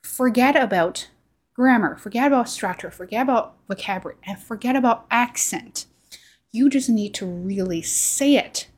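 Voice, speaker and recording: A language learning vlogger with a slightly high voice talks earnestly to the camera at normal speed in a casual, reflective way. Chinese is her first language and she has a Chinese accent. She keeps saying "like" and "right?" and often starts her sentences over.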